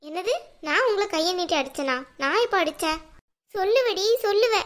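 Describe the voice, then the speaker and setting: A woman's voice: very high-pitched, lively intonation, moderate pace, a bit bright. Woman voicing a defiant young daughter-in-law. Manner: defiant, argumentative. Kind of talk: cartoon dubbing.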